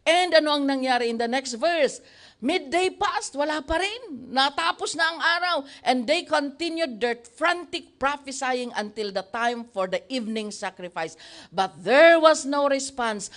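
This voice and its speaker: Female pastor, Filipino accent, lively sermon storytelling, high voice, acts out the voices. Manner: lively, laughs often, mixes languages, acts out the voices of the story's speakers. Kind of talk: sermon retelling a Bible story.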